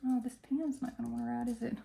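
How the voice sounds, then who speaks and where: A woman's voice: a little high, fast, creaky, dark tone, a little hiss or hum. A woman from Tennessee with a country Appalachian Southern accent, chatting casually and folksily to viewers as the host of a budgeting video.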